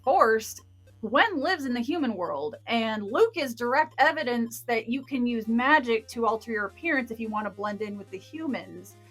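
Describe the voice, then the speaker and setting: A woman's voice: on the high side, animated, moderate pace, fairly bright tone, husky, soft background music. A woman hosting a movie review, giving a scripted comedic recap in a casual, sarcastic way with some swearing. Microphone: close, dry voice-over mic.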